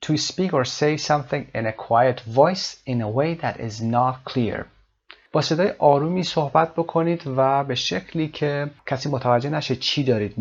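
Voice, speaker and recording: A man teaching English vocabulary, reading English phrases slowly and then explaining them quickly in Persian. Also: mid-range voice, creaky, breathy edge. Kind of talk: language lesson explaining vocabulary. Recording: dull lo-fi recording.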